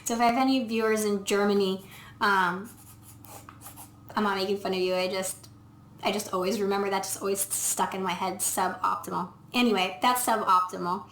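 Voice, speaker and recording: A woman's voice: mid-range voice, little pitch movement, a little fast, long pauses, a little hiss or hum. A woman veterinarian casually reviewing dog food on camera, explaining step by step as she thinks aloud with frequent ums. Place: indoor room, filming herself. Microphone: camera mic. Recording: echoey room.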